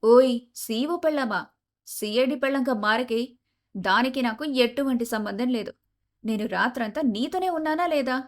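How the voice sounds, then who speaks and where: A playful, mocking young husband from an audio romance story, put on by a woman narrator who drops her voice for him. He talks with easy confidence and a teasing edge. The voice sits fairly high for a man. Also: moderate pace, close to an everyday voice.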